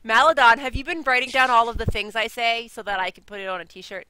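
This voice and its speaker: Giggly woman podcast co-host, bright voice. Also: fairly high pitch, quick pace. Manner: giggly, animated, jokey. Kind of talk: casual chat over a call.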